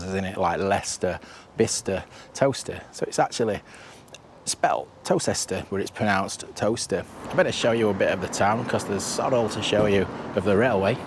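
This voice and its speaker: A travel vlogger walks through town streets, chatting casually as his host commentary often restarts and turns to the viewer in asides. His voice sits on the low side with a slight hiss or hum, and music plays in the background.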